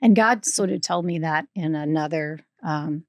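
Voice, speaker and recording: A woman's voice: low voice, normal speed, a little mellow, dry recording, clean studio sound. A woman, a guest on the show, telling a story in a chatty way, with many "um"s and "you know"s. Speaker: guest, farm founder. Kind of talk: casual storytelling.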